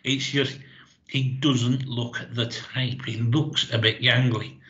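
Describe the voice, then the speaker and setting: A man speaking in a measured, considered way as a guest in a casual podcast chat. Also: medium pitch, fairly even intonation, fairly bright tone. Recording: slightly muffled audio.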